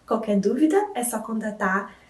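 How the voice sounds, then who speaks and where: A woman's voice: a little high, animated, moderate pace. A woman with a Brazilian Portuguese accent explaining English grammar as a teacher, patient and checking in with tag questions. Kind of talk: classroom explanation. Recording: echoey room, mic at a distance.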